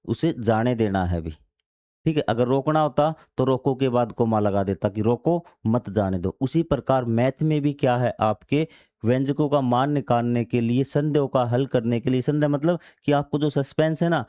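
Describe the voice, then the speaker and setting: A mellow, medium-pitched male voice at normal speed leads a maths lesson. He reads out textbook material, translates it into everyday words, raises questions only to answer them himself, and repeats the key steps. The recording is dry and studio quality.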